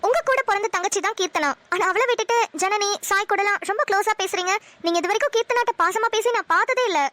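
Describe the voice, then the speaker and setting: A woman's voice: extremely high pitch, quick pace, bright, forceful tone, no echo. Woman voicing a curious, teasing young cartoon wife. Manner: probing questions, playful. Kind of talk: Tamil cartoon voice acting.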